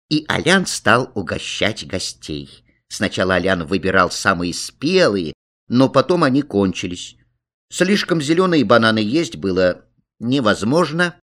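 A man narrating a children's story with an expressive delivery. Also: lowish voice. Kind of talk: storybook reading.

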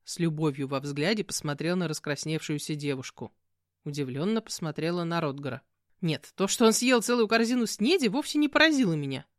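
A woman narrating a fantasy audiobook in the first person, with an expressive, animated reading. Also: low voice, brisk, no room sound, clean studio sound.

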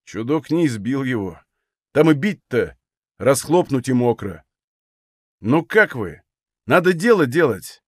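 A man's voice: mid-range voice, very animated, a little slow, pauses often, no room sound, clean studio sound. A man voicing a grim, hot-tempered Cossack officer who speaks coldly and threateningly. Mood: gruff. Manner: cold, harsh, threatening.

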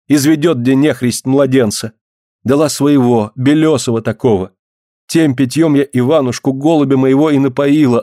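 A man's voice: mid-range voice, no room sound, studio quality, close to an everyday voice. A man voicing a guilt-stricken boyar's wife. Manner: archaic, pleading, hushed. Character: grieving guilt-stricken old-Russian boyar's wife, middle-aged woman. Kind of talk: audiobook reading.

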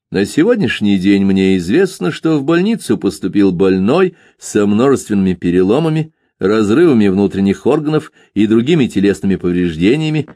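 A man's voice: on the low side, warm tone, no room sound. A man voicing a cynical, bigoted male police investigator who questions with dry, needling remarks.

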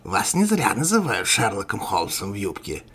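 A man voicing a sinister male sorcerer villain in a crow mask, with a hoarse, gravelly voice and a gloating, menacing manner, in an audio story. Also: lowish voice, wildly swooping pitch, moderate pace, noisy background. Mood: gloating menace.

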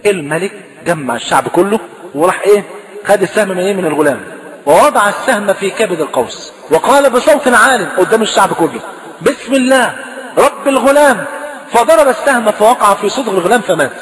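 An Egyptian Arabic-accented man preaches a storytelling sermon in a high, bright voice. He rattles through the tale at breakneck speed and animatedly voices the characters. His words ring out with a long hall reverb. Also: fast talker. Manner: animated, acts out dialogue of the story.

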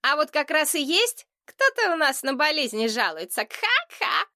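A woman's voice: high voice, sing-song, normal speed, sharp tone, dry recording, studio quality, pitched above the performer's own voice, heavily acted. A woman doing a cheeky teasing boy. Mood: mocking. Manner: mocking, sing-song rhymes.

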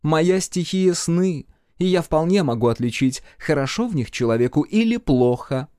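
A man's voice: on the high side, expressive, normal speed, dark tone, no echo, clean studio sound, pitched above the performer's own voice, close to an everyday voice. A man doing a haughty scornful dream goddess. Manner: contemptuous, imperious, sarcastic. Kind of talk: audiobook character voice.

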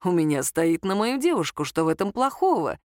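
A woman's voice: sing-song, moderate pace, no room sound, studio quality. Woman voicing a cocky, teasing young man. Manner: low purring teasing delivery.

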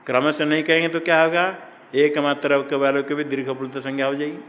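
A man teaching Sanskrit grammar to a class, slowly drawing out vowel sounds and quizzing his students. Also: fairly high pitch, little pitch movement, fairly bright tone. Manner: slow, drawn-out chanting of vowels and rules, quizzing students. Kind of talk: classroom lecture. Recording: faint room ambience, long hall reverb.

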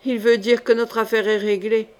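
Bruscaille, a rough sword-for-hire from an old storybook, loud and blustering with a raised voice, as a woman voices him. His pitch sits fairly high. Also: little pitch movement, moderate pace, natural voice. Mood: smug. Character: frightened male henchman, rough, boastful.

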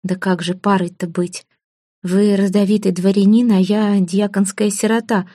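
A woman's voice: medium pitch, level tone, moderate pace, mellow, no echo, studio quality, natural voice. A woman voicing a poor, proud young orphan woman who talks in a flustered, pleading way. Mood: hurt. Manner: pleading, flustered, self-deprecating.

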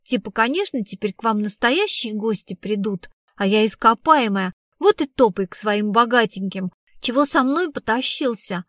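A woman's voice: a little high, lively intonation, moderate pace, a bit bright, dry recording, studio quality. A woman reading the part of a blunt, streetwise young woman who tells her story in slangy, casual speech. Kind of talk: audiobook reading.

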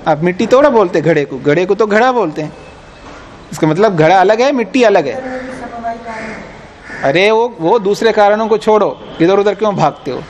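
A man's voice: high voice, a little hiss or hum. A man teaching a philosophy class, explaining texts patiently and pressing his students with firm questions. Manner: explains patiently, quizzes listeners, firm and insistent. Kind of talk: classroom lecture on scripture.

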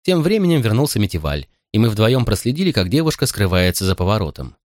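A man reading a story aloud as narrator in a calm, measured way. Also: fairly low pitch, dry recording, studio quality. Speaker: audiobook narrator. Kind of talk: scripted narration.

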